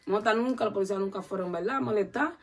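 A woman's voice: mid-range voice, fast, slightly rough. A woman telling a long story in a casual interview, acting out the voices of the people in it. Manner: animated, acts out quoted voices.

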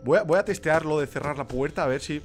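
A young man from Spain with a Castilian accent playing a horror game, excitable and swearing a lot. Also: on the high side, quick pace, faint music behind. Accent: Castilian Spanish. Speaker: gaming youtuber. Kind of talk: horror game let's play.

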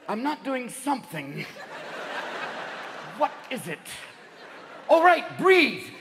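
A man's voice: extremely high pitch, sing-song, slow, pitched above the performer's own voice, exaggerated voice. A man playing a panicky gasping stoner. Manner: gasping, stammering. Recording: echoey hall with crowd noise.

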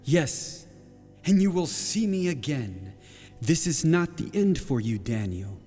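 An actor playing a calm, solemn angel on stage, speaking in a measured, reassuring way. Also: male voice, on the high side, heavily acted. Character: calm, solemn male angel sent by God. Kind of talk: projected stage drama acting. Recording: long hall-like reverb. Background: music.

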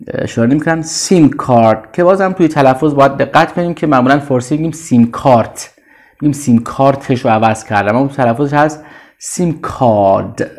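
A Persian-speaking man teaching English vocabulary in an even, middle-pitched voice. He pronounces each word slowly and repeats it for the learners, then explains it at a calmer pace. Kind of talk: slow vocabulary drill with repetition.

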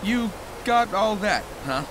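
A man's voice: high voice, expressive, takes it slowly, background noise. A man with an American accent voicing a cocky, easygoing young cartoon hedgehog hero in a video game, casual and wry. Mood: wry, teasing. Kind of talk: video game cutscene acting.

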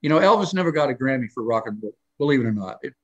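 A man's voice: mid-range voice, lively intonation, very fast, highs cut off. Older male guest, chatty storyteller, meandering delivery, pops up for quoted bits. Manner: rambling anecdotal storytelling with many restarts; acts out quoted lines in a raised voice. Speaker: guest storyteller on a live show. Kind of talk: casual live interview chat.

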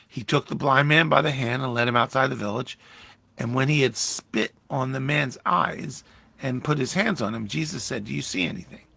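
A man leads a Bible study with a raspy, gravelly voice. He talks loosely and animatedly, springing up in pitch and volume to act out quoted lines. There is a forceful, bright edge to his tone. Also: no room sound. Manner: conversational, animated, acting out Jesus' lines with raised voice. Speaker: pastor.

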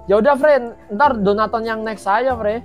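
A woman's voice: fairly high pitch, moderate pace. A woman with an Indonesian accent chatting casually on a gaming livestream with blunt, playful, slangy banter. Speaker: streamer hosting a donation stream. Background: music.

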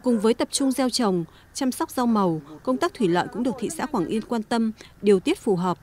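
A woman reading a scripted news voice-over in a steady, formal manner. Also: a little high, a little fast. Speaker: news narrator.

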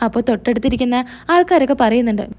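A woman's voice: fairly high pitch, expressive, very fast, a little mellow. A woman retelling a TV serial episode, narrating the scenes and speaking each character's lines in her own voice.

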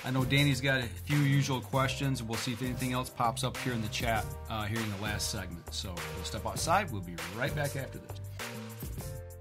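An easygoing man hosts a casual podcast, with a mid-range voice. Music plays clearly behind him as he talks. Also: mid-range voice, normal speed. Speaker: podcast host. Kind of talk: casual show hosting.

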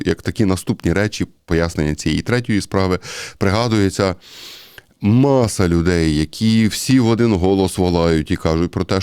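A man's voice: sits low, warm tone, clear, resonant tone, no echo, studio quality. A man with a Ukrainian accent giving a conversational sermon-style Bible commentary, speaking directly to his listeners and often hesitating. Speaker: priest.

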